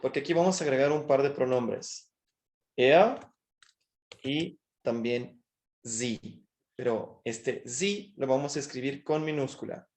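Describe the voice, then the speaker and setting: A man leads an online language lesson in an unhurried, deliberate way. He speaks at a mid pitch and keeps pausing to check that his students are following. He sounds like he is talking into a video call. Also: a little mellow. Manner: patient, keeps checking in with short tag questions. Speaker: language teacher.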